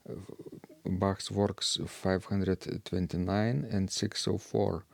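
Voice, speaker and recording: Slow, low-voiced, gravelly man. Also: steady tone, darkish tone, no room sound. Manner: slow and hesitant, with many fillers. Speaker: podcast co-host discussing organ music. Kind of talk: casual discussion.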